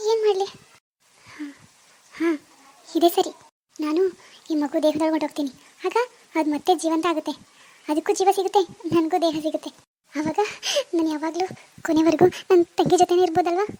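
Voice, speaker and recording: A woman's voice: extremely high pitch, mellow. A woman voicing a tender, protective ghost elder sister who reassures earnestly and repeats her words.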